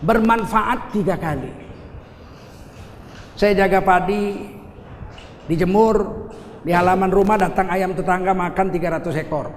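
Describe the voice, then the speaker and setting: A middle-aged man preaching a lively sermon with funny stories, animated and teasing, acting out little scenes as he goes. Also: sits high, measured pace, pauses often, slight background noise. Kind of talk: lively sermon with humorous anecdotes. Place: large hall at a gathering. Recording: echoey hall, faint ambience.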